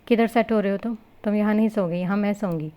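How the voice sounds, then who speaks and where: A woman's voice: medium pitch, steady tone, clear, resonant tone, close to an everyday voice. Woman doing a feisty, mocking young bride. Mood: shouting. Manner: taunting, sharp-tongued. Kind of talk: novel reading with character voices.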